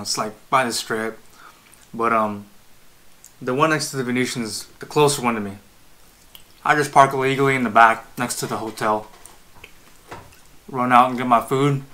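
A man's voice: medium pitch, sharp tone. A man from Illinois hosting a casual eating vlog in an upbeat, chatty way. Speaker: vlogger. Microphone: external mic close to camera.

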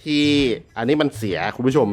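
A man hosting a casual vlog from around a house, excitable and joking, swearing freely and talking straight to his viewers. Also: medium pitch, a little fast. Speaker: YouTube host.

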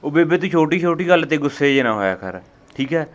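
A man's voice: fairly high pitch, animated, quick pace, natural voice. A man acting a student grandson who keeps reassuring his grandmother that he will take her once his exams end. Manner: placating, reassuring. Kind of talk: family comedy skit acting.

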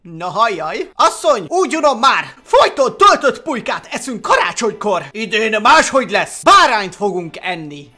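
A man's voice: high-pitched, big pitch swings, hardly any pauses, pushed and bright, exaggerated voice. A man voicing a grumpy farmer who is tired of the same old dinner, in a gaming video. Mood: fed up.

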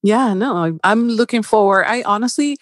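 A middle-aged woman with a Venezuelan Spanish accent talks as a podcast guest. She is lively and playful and shares personal stories openly. The sound is close and dry. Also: a little high, moderate pace, no echo. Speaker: podcast guest, holistic life coach. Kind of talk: casual interview chat.

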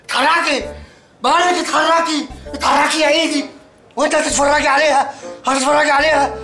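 A naive young Egyptian man in a TV sitcom. His voice sits high and the words tumble out fast. He rambles, then whines in helpless panic. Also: flat delivery, sharp tone, soft background music. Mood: panicked. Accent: Egyptian Arabic. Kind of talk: TV sitcom acting.

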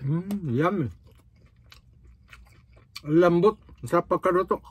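A man, talking while chewing in a relaxed eating vlog. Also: high-pitched, slow pace, slightly rough. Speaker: mukbang vlogger. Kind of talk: casual eating vlog chat.

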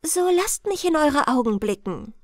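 A woman voicing a proud, clever young princess with a bright, questioning tone in a storybook reading. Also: high voice, big pitch swings, a little slow, no echo, studio quality, pitched above the performer's own voice. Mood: curious.

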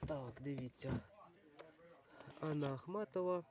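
Against crowd noise, a man with a slightly high voice leisurely sorts through a stack of books for his book channel. His casual browsing commentary is unhurried, full of fillers and out-loud thinking, and he speaks to his viewers as friends.

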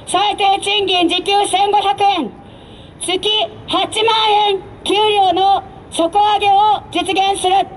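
A woman election candidate delivering an emphatic street campaign speech through a handheld microphone, in deliberate phrases with direct appeals. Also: very high voice, rough recording. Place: outdoor urban street rally stage. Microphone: handheld mic over PA, filmed from a distance. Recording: faint outdoor street noise.

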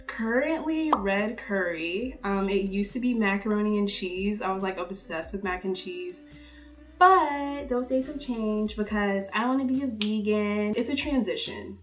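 A woman in her twenties chats to camera in a get-to-know-me YouTube vlog, upbeat and full of "like" fillers, seated indoors before a purple backdrop. Her mid-range voice moves at an unhurried pace, picked up from a distance with soft music playing behind her.

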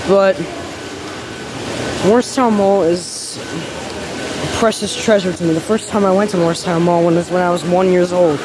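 A woman's voice: fairly low pitch, steady tone, unhurried, pauses often. Chatty woman vlogging through a noisy mall. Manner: chatty, wandering commentary with fillers. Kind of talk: casual walking vlog narration. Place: indoor shopping mall, walking. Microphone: handheld phone camera. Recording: loud mall ambience behind the phone mic.

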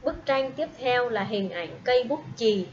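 A woman teaching a primary school English class, speaking slowly and patiently and having pupils repeat each word after her. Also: a little high, animated. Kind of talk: slow classroom instruction with repeat-after-me drills. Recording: dull lo-fi audio with faint noise.

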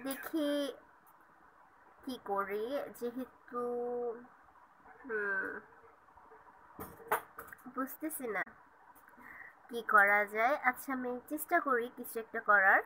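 A woman vlogger with a cold and a cracked, hoarse voice, talking softly and casually to her viewers. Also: takes it slowly, long pauses, background noise. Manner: soft, low-key talking between loud sung lines. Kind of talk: casual chat and singing along.

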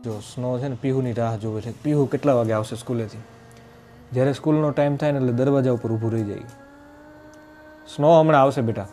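A man's voice: medium pitch, fast, dark tone, soft background music. A young man, vlogging his family life in a chatty, teasing way on a handheld phone camera. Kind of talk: casual vlog narration.

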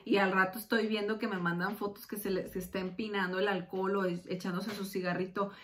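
A woman doing a tarot reading, chatting warmly, calling the listener "corazón" and acting out quotes with sudden jumps in pitch. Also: level tone, fairly quick. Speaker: tarot reader.

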